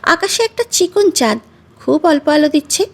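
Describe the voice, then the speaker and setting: A woman with a high voice reads a romantic story aloud in a measured, expressive way. Her scripted narration moves steadily from scene to scene.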